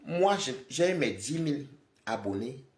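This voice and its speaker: A man live streaming, scolding and lecturing his viewers in an animated, repetitive rant. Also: mid-range voice, unhurried, roomy sound. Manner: scolding, animated, repeats himself, talks straight to viewers.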